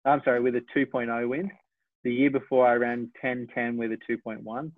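A man in his twenties from Australia, a sprinter talking through his races in a reflective, measured way, often correcting himself. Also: mid-range voice, little pitch movement, no room sound. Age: 20s. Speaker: sprinter, interview guest. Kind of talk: casual interview talk. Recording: dry, tinny phone-like line.

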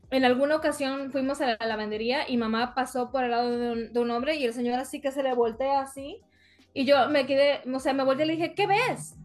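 A woman from Mexico co-hosting a casual podcast chat, telling a story animatedly and acting out what people said. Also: a little high. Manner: animated storytelling, acts out quotes. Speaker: podcast co-host.

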